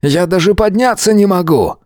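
A man voicing an injured young male hero who wheezes through clenched teeth, hoarse and strained with pain. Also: high voice, normal speed, a little mellow, no echo, studio quality, voice pushed up, lightly acted.

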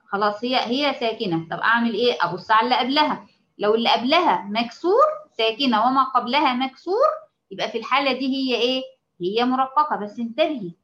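Egyptian woman teacher, fairly high voice, repetitive and patient, lo-fi recording. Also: a bit bright. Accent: Egyptian Arabic. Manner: patient, repetitive, checks understanding often; stretches out example words slowly. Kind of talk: online lesson to female students.

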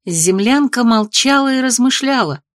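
A woman narrating an audiobook in an even, storytelling manner. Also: on the high side, normal speed, no room sound, clean studio sound. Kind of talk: scripted narration.

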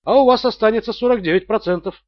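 A man plays a coolly menacing extortionist in an audiobook thriller, lightly acted, with a high, pushed-up voice at a quick pace. The character sneers and mocks coolly, then erupts into screams. The recording is dry, with the highs cut off.

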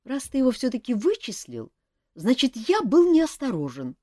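A woman's voice: sits high, huge pitch swings, normal speed, mellow, no echo, pitched above the performer's own voice, full character voice. A woman putting on a mischievous young elf prince in a storybook, sulky and self-important by turns. His voice rises and falls widely, and the recording is dry and close. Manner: sulky, then pompous.

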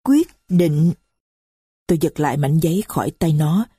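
Woman audiobook narrator, husky low voice, grave and sorrowful storytelling, dry sound. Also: quick pace, dark tone, dry recording. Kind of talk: scripted story narration in first person.

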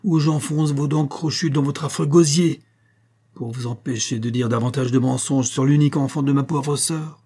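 A man voicing an enraged old sea captain who shouts threats to protect his niece. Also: mid-range voice, moderate pace, lightly acted. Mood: threatening.

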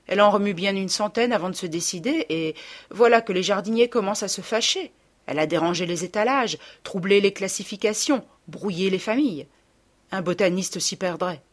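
Female audiobook narrator, low voice, expressive and wry first-person reading. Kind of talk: scripted literary narration.

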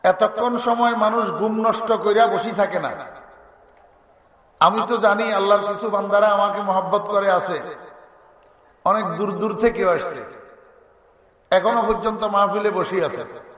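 High-voiced preacher telling a story. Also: male voice, measured pace, long pauses, echoey room, long reverb tail. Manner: lively storyteller acting out characters with loud high exclamations. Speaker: Islamic preacher. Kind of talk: sermon storytelling.

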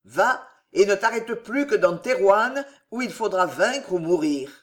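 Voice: mid-range voice, expressive, measured pace, lightly acted. A reader putting on a thundering old army commander. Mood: commanding. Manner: commanding, thundering when angered. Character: old stern male army commander, wrathful. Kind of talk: audiobook reading.

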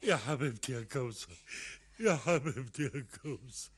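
Pleading husband, Egyptian accent, radio drama, husky voice, rapid delivery. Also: male voice, high voice, lively intonation, sharp tone, exaggerated voice. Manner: pleading, eager, talks over his wife. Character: devoted pleading husband Shamis, rich.

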